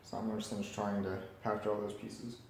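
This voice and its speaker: This hobbyist radio repairer has a lowish voice, delivered flatly at a moderate pace, as he casually describes a hands-on fix and thinks out loud uncertainly. The audio echoes in the room, with a little background noise.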